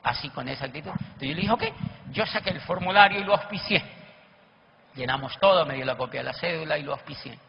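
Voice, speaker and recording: A man tells a seminar story to an audience and acts out the people he quotes. His voice sits a little high with a gravelly rasp. The sound is dull and lo-fi, with a long hall echo and faint background noise. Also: fast talker. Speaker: network marketing speaker.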